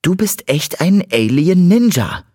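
A man's voice: fairly low pitch, sing-song, moderate pace, a little mellow, slightly rough, dry recording, pitched above the performer's own voice, exaggerated voice. A man voicing a sarcastic, teasing teenage girl in an audiobook, raising his voice to play her. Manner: dry, teasing, lightly mocking. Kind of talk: audiobook character voice.

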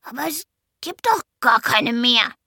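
A woman's voice: on the high side, lively intonation, a little slow, vocal fry, pushed and bright, husky, no echo, exaggerated voice. A woman voicing a small, grumpy, boastful male goblin who curses and brags in a storybook reading. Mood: puzzled. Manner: cursing, bragging, grumbling.

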